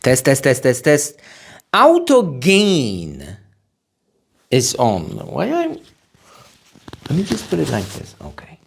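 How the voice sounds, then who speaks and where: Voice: mid-range voice, huge pitch swings, takes it slowly, gravelly, pauses often, slightly rough. Gear vlogger testing mic with uneven auto gain. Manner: repeats test phrases, sometimes half-shouting. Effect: uneven auto gain, loudness jumping up and down. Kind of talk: casual unboxing and gear test.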